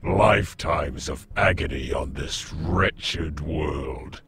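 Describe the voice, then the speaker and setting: A man voicing a hateful, amused male demon in an audio drama, with slow, mocking menace. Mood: menacing. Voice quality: deep gravelly voice.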